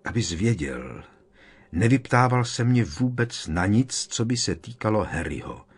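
A man's voice: lowish voice, big pitch swings, husky, full character voice. Guy voicing a prickly indignant teen girl witch, audiobook. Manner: indignant, sharp.

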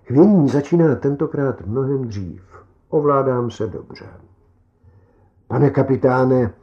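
A man narrating a story in the first person with a tense, measured dramatic reading, on a dull lo-fi recording. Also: medium pitch, expressive. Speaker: audiobook narrator.

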